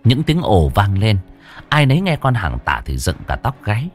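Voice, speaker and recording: A man reading a scripted ghost story in a dramatic, expressive way. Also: on the low side, normal speed. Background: faint music.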